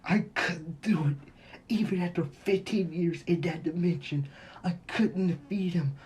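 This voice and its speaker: A man's voice: high voice, unhurried, a little mellow, slightly rough, pitched above the performer's own voice, full character voice. A man doing a sobbing, broken warrior prince. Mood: despairing. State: crying. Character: weeping defeated proud young warrior prince.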